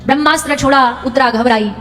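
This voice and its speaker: A woman's voice: sits high, quick pace, a bit bright. A woman narrating a devotional sermon, telling the story dramatically and singing Sanskrit verses. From India. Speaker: katha storyteller. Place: large hall at a live religious event. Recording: long hall reverb with music.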